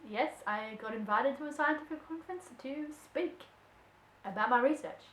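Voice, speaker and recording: A young woman with an Australian accent talks casually to camera as a vlogger. Her voice sits slightly high, and she springs into playful voices when quoting people. The sound carries a noticeable room echo. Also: moderate pace, a little hiss or hum. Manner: chatty and expressive, acts out quoted voices. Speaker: vlogger answering viewer questions. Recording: echoey room.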